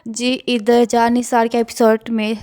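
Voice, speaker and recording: A woman with a voice a little higher than most tells what happened in a drama episode in a relaxed, chatty way. She reads the characters' lines in her own plain voice rather than acting them out. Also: clear, resonant tone. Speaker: drama episode recap channel host. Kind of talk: casual spoken story recap.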